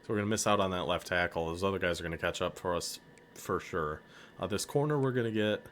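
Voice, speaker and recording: Man, northern American accent, low voice, excitable casual game commentary, faint background hiss. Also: quick pace. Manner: excitable, hypes up players, laughs often. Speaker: gaming YouTuber.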